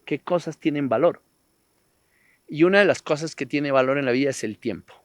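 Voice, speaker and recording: A man's voice: a little high, normal speed, no echo. A man speaking at a panel talk in a reflective, philosophical way, full of rhetorical questions and digressions.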